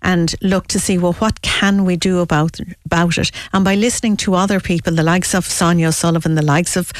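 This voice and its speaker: A woman's voice: fairly low pitch, fairly even intonation, a little fast, dry recording. A woman with a west of Ireland accent giving a promotional radio interview as a guest, emphatic and fond of repeating phrases for effect. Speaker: interview guest, business network representative.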